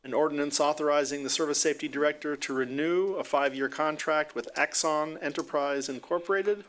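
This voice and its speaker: A man's voice: a little high, steady tone, brisk, fairly bright tone. A man presiding over a city council meeting as council president, courteous and procedural.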